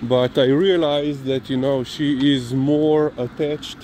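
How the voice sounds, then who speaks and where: Recorded outside on a walk, a male vlogger and dog owner with a Slovenian accent talks in a very leisurely, rambling, halting manner, peppered with "you know." His voice is mid-pitched, steady and warm. There's clearly noisy ambience, including vehicle sounds.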